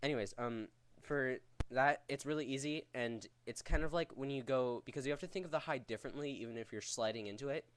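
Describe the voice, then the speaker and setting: A man's voice: medium pitch, fairly quick, hardly any pauses, no echo. A man giving a casual, rambling vocal technique tutorial in a crude, jokey, profane way. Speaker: vocal tutorial host teaching screaming technique.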